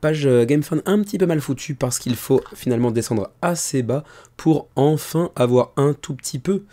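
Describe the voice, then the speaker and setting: A man presenting a show casually and informally, keeping his tired voice low and soft, close to the microphone. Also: normal speed. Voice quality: tired voice, held back to spare it. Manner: informal, chatty, self-deprecating. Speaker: host of a board game crowdfunding video show. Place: small room indoors. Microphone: microphone about ten centimetres from the mouth.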